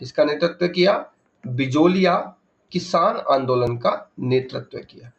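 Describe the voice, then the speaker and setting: High-pitched gravelly man teaching. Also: measured pace, muffled recording. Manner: repeats key facts, asks and answers own questions; mixes English words into the explanation. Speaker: exam coaching teacher. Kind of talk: MCQ revision lecture.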